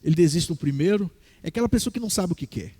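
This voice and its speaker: Man, church pastor mid-sermon; high, lively husky delivery. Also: racing. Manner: animated preaching, acting out voices of God and the devil.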